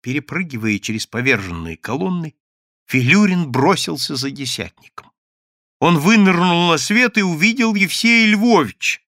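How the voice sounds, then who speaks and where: A man narrating a classic novel as an audiobook reader, lively and expressive. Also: on the high side, moderate pace, no echo, studio quality.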